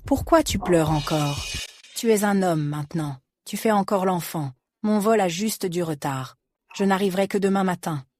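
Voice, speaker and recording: An actress voicing a faked middle-aged mother whose voice comes through an AI voice changer on a phone call, brisk and chiding. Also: lowish voice, a little mellow, dry recording, clean studio sound. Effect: AI voice changer over a phone call. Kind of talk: dubbed drama acting.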